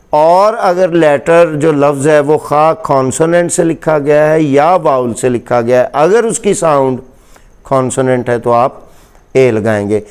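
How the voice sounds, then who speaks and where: A man's voice: on the high side, darkish tone, clean tone. A man with a Pakistani Urdu accent teaching English grammar in a lecture, patiently repeating examples and asking rhetorical questions.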